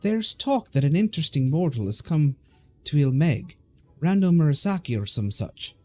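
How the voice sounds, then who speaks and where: A man voicing a vain, attention-hungry fairy from a game, with a put-on Scottish accent and a high, bouncy, self-important delivery. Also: very animated, normal speed, darkish tone, faint music behind.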